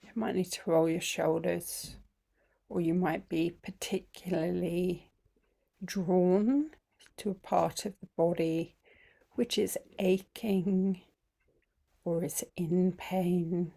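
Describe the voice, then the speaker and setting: Woman, breathwork teacher leading a slow body scan meditation. Gentle, with ums, sometimes whispering. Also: fairly low pitch, steady tone, creaky. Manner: slow, gentle guidance with frequent ums and soft whispered phrases.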